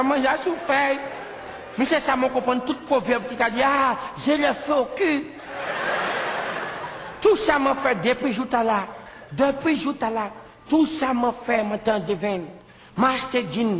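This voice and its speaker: A man telling a comic story on stage in broken, childlike French, breaking into sudden shouts. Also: very high voice. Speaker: comedian. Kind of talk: stand-up storytelling. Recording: live show with audience laughter and background noise. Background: audience laughing.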